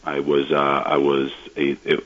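A man from the Dominican Republic, a guest on a radio interview, talking eagerly with many halting restarts. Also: rumbling low, monotone, lo-fi sound.

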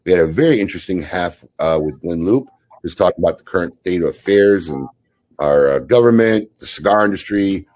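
A man's voice: low-pitched, expressive, fairly quick, a little mellow, no echo. A man hosting a talk radio show, teasing his co-host and leading segments in an easygoing way. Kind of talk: casual chat and show hosting.

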